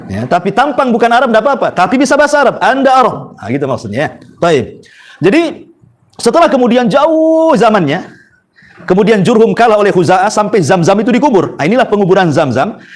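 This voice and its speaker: A male Islamic preacher with an Indonesian accent gives a Quran study lecture in a high, quick voice. He tells it as a story, with plenty of "eh" and mid-sentence corrections, and keeps up a brisk pace. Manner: lively storytelling with fillers and self-corrections. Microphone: microphone with audio trouble.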